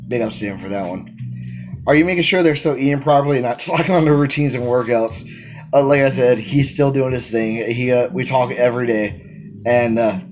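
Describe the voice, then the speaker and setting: A wrestling manager in his thirties reads interview questions aloud and answers them, talking emphatically into a phone camera held at arm's length in a small room at home. His medium-pitched voice is energetic, and he gestures a lot. The recording is rough, with slight background noise.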